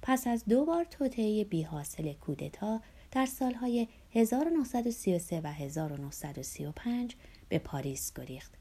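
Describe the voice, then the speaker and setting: A woman narrating a literary audiobook in a soft, breathy, half-whispered reading voice. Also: medium pitch, sing-song.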